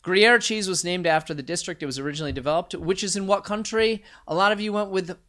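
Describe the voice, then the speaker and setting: A man with a high-pitched, fairly bright voice hosts a live quiz night, speaking at a quick pace. He reads out the questions and answers and throws in joking asides.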